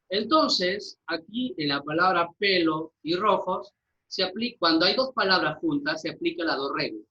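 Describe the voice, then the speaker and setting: Bright-voiced man teaching a grammar class. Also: high-pitched, muffled recording. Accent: Peruvian Spanish. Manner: explains step by step, often checks with "¿sí?". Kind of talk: grammar lesson for students.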